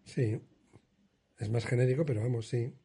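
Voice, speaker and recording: Husky, mellow-voiced Spanish man. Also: medium pitch, steady tone, normal speed. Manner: patient, correcting, matter-of-fact. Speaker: podcast co-host. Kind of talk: casual banter.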